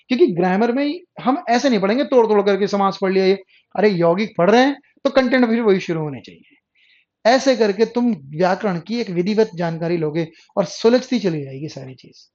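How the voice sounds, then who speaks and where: In this dull, lo-fi recording, a man teaches Hindi grammar in an online lecture, his voice high-pitched with a darkish tone. He asks his students questions only to answer them himself, repeating the important terms as he goes.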